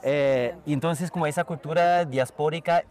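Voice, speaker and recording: A man's voice: on the high side, fairly even intonation, normal speed, darkish tone. A man who is a guest DJ, chatting casually and eagerly outdoors, with frequent fillers. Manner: enthusiastic, talkative, lots of fillers. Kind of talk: casual conversation.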